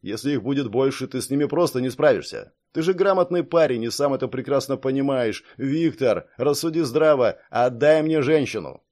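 A man's voice: mid-range voice, lively intonation, normal speed, few pauses, darkish tone, close to an everyday voice. A man reading an audiobook and voicing a male bodyguard negotiating with a hostage-taker, firm and persuasive.

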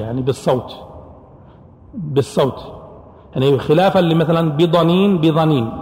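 Male scholar, lecturing voice slightly high for a man, asks and answers his own questions; echoey hall. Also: a little mellow. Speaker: Islamic scholar teaching Quran sciences. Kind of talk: classroom lecture.

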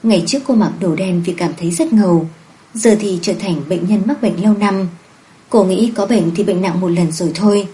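A woman reading a romance novel aloud in steady, even scripted narration. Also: medium pitch, moderate pace, poor audio. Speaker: audiobook narrator.

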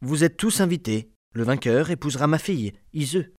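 A man playing a wise, fair king in a storybook, speaking in a measured, authoritative way. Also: fairly high pitch, expressive, no echo, clean studio sound, natural voice. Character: wise fair older king, calm and just.

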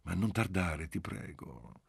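A tender young wife with a soft, caressing way of speaking, as a deep-voiced man reads her. Her words come languid and gentle. The recording is dry and close. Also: animated, takes it slowly, vocal fry, breathy edge, no echo, heavily acted. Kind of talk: audiobook reading.

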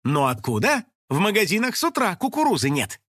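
Brief: a man playing a squeaky, eager little sidekick detective, high and bouncy. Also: wildly swooping pitch, brisk, fairly bright tone, no echo, clean studio sound, exaggerated voice. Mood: puzzled. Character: eager female sidekick sleuth creature.

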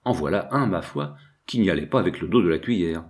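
A man narrating a novel in the first person with a lively, expressive reading. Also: low-pitched, fast. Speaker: audiobook narrator.

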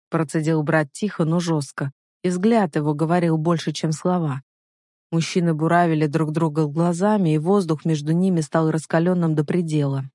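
A man reading a first-person romance story aloud, with expressive storytelling. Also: a little high, no echo, clean studio sound. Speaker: audiobook reader.

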